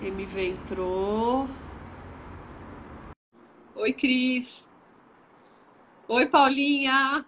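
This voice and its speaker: A woman co-hosting a casual live chat from her home kitchen as a nutrition mentor, talking in a lively, slangy way. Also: high voice, drawn-out words, pauses often, a little hiss or hum, poor audio. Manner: lively, slangy, laughs easily.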